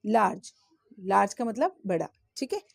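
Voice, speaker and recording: A woman teaching English to children, slowly spelling out words letter by letter, often checking in with the learners. She speaks English with an Indian accent. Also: medium pitch, big pitch swings, gravelly, dry recording, studio quality. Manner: slow, patient, spells words letter by letter and asks questions; often checks in with "theek hai?". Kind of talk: spoken English lesson for children in Hindi.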